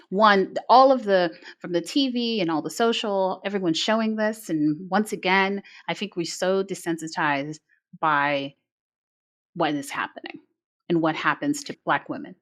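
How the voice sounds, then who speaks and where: A woman co-hosting a podcast in casual chat, animated and quick to laugh. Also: fairly low pitch. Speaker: podcast co-host.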